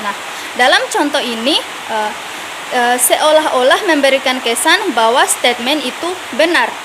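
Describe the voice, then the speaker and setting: A woman's voice: sits high, moderate pace. A young woman student explaining English question tags in a class video, hesitant with frequent fillers and restarts. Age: young adult. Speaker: student presenter. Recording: loud steady hiss behind voice.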